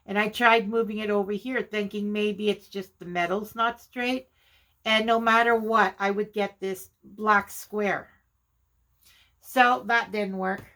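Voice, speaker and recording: A woman vlogger chatting casually while demonstrating her journaling supplies, chatty and quick to laugh at herself. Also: medium pitch, fairly even intonation, fairly bright tone. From Canada. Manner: chatty, self-deprecating, exclaims often. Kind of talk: casual craft vlog demonstration.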